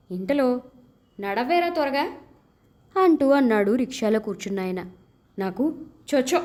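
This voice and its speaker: A woman narrating a literary short story as an audiobook in an expressive, measured storytelling manner, giving the characters' dialogue its own voices. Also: high-pitched.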